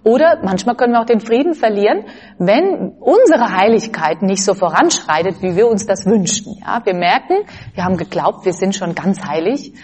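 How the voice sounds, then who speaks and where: Husky-voiced woman giving a gentle spiritual talk. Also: medium pitch, animated, moderate pace. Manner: gentle, earnest, quotes saints and scripture, fillers like gell and ne. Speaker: religious speaker.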